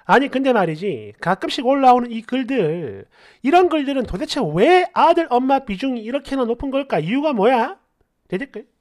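A woman's voice: a little high, very animated, a little fast, darkish tone. A woman reading out online posts and comments with sarcastic, scolding commentary.

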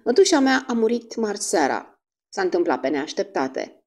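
A woman voicing a poised, educated lady of the house who speaks with a crisp, authoritative tone. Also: medium pitch, sing-song, a little mellow, voice pushed up. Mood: cool.

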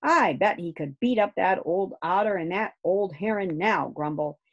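A woman reading aloud and voicing an excitable, playful young boy who shouts his lines in a storybook. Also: medium pitch, normal speed, highs cut off. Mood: boastful.

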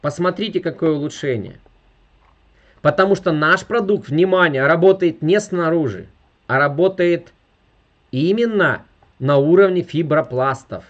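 In an indoor room with furniture, a network marketing presenter in his thirties gives an emphatic sales pitch over a video call, constantly appealing to viewers. His voice is a little high and a little slow, and the highs are cut off.

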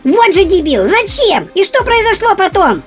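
A performer voicing a cheeky, bossy talking husky as a cartoon dog. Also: extremely high pitch, very animated, moderate pace. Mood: scolding. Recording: music under the voice.

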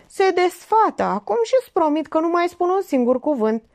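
A woman's voice: very high-pitched, very animated, a little mellow, voice pushed up, heavily acted. A woman doing a pompous old notary. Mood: theatrical. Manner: pompous, theatrical, drawn-out emphasis. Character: pompous older male notary, theatrical uncle.

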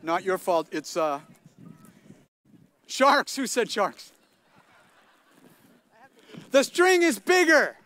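A man's voice: high voice, very animated, extremely slow, long pauses, fairly bright tone. An older man giving a playful outdoor commencement speech at a podium mic, quizzing the audience. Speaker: commencement speaker. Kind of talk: lively speech to a crowd. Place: outdoor stadium ceremony.

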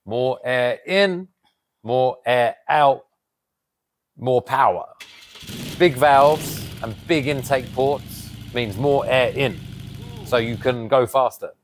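An animated man in his thirties walks through a custom bike's parts in casual show-and-tell. He speaks outdoors beside a garage door, picked up on a clip-on mic. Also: medium pitch, slow, slight background noise. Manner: animated, explains with hand gestures. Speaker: custom motorcycle builder. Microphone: lapel mic.

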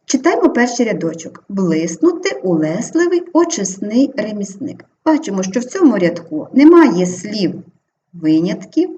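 A Ukrainian woman teacher giving an exam-prep grammar lesson, clearly and slowly drawing out each example word. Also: medium pitch, big pitch swings, dark tone. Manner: clear, deliberate, drawn-out spelling of example words. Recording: slightly dull lo-fi audio with faint background hiss.

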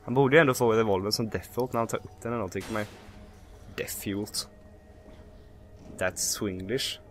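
A man giving casual, excitable gameplay commentary who yelps and shouts when he panics. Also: on the low side, faint music behind. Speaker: let's play host.

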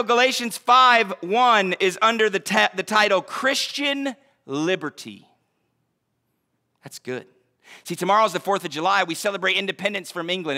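A man in his thirties preaches to his church with a high, bright voice. He is emphatic and animated, pushing some lines up to a shout and dropping others to a near hush. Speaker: pastor. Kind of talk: sermon. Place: church sanctuary.

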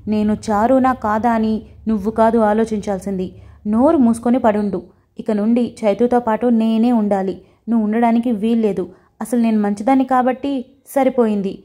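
Woman narrator as spiteful rival woman, scornful, mellow tone. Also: a little high, fairly even intonation, normal speed, lightly acted. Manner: taunting, scornful.

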